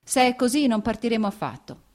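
A woman's voice: a little high, sing-song, fast talker, a little mellow, pitched above the performer's own voice. A woman reading the lines of a passionate, jealous noblewoman in an audiobook, in a heated, raised and pleading delivery. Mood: reproachful.

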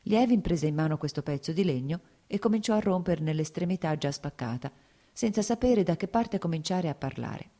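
A woman narrating a classic novel as an audiobook, in a measured literary reading. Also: fairly low pitch, lively intonation, mellow.

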